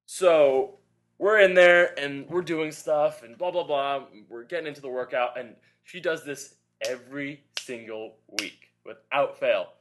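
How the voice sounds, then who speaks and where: A man's voice: on the high side, unhurried, fairly bright tone. A young adult man co-hosting a fitness podcast, telling a long rambling story with lots of filler in a casual chat. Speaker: podcast co-host and Pilates instructor.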